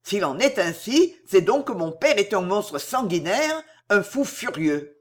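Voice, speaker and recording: Anguished young bullfighter guy, read by a woman, loud and emotional, lots of swing. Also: medium pitch, very animated, measured pace. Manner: impassioned, loud outbursts. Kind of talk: audiobook reading.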